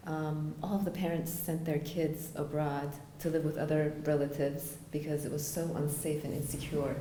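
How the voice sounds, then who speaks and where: A woman from Florida answering interview questions earnestly, with frequent fillers and pauses. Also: low voice, flat delivery, mellow, reverberant, slight background noise. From United States (Florida). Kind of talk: conversational interview.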